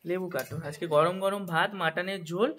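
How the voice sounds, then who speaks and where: A man's voice: high-pitched, brisk, fairly bright tone. A man, chatting casually to viewers while vlogging at home with his family. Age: 20s. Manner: chatty, addresses viewers directly. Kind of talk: casual family vlog narration.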